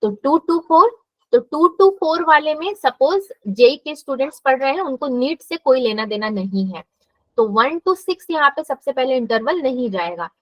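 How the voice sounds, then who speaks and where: A woman's voice: high voice, animated, moderate pace, no room sound, rough recording. A woman math teacher giving a live classroom lesson, explaining step by step and asking her students questions.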